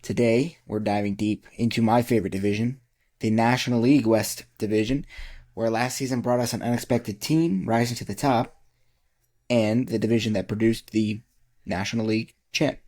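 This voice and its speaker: A man's voice: on the low side, steady tone, normal speed, a little mellow. A man hosting a casual baseball podcast, joking as he rattles off player names. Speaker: podcast host. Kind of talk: casual sports podcast chat.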